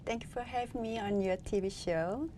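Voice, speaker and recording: A woman from South Korea, a native Korean speaker with a Korean accent, answers questions as a TV interview guest, speaking in a measured way as she searches for words in English. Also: medium pitch, dark tone, slight background noise. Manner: measured, searching for words in her second language. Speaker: guest, bilingual facilitator.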